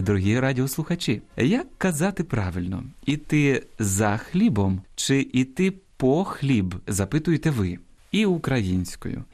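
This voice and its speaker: Male radio host, didactic scripted read, lively intonation, lingers on example words. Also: mid-range voice. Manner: didactic, spells out examples slowly and emphatically. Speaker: radio language program host. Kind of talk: scripted radio talk answering listener questions.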